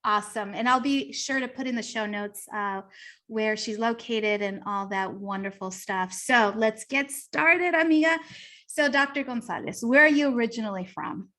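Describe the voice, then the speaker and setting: Upbeat woman hosting a podcast, kinda high voice, gushy and chatty. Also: normal speed, pushed and bright. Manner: bubbly, effusive, laughs often. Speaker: podcast host. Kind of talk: casual podcast chat.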